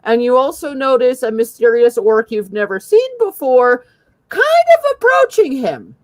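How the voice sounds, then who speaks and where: Animated woman running a tabletop game. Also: fairly high pitch, dry recording. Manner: laughing, self-deprecating, halting restarts. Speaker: game master.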